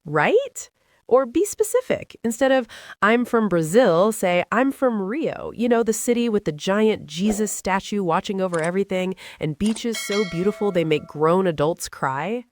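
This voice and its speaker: A woman's voice: medium pitch, expressive, moderate pace, darkish tone, dry recording. Playful American woman teaching English. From United States. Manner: playful, teasing, upbeat. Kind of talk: scripted conversation lesson.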